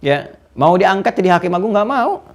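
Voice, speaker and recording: A man giving a lively religious lecture as a preacher, animated, often jumping up in pitch with laughs and asides. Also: normal speed.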